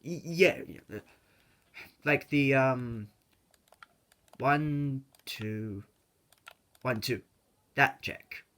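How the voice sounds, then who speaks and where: Commenting on his own gameplay, a male gaming video creator jokes, rambles, and fixes his own slips. His mid-range, slightly bright voice draws out words and pauses often. You can hear keyboard and mouse clicks behind him.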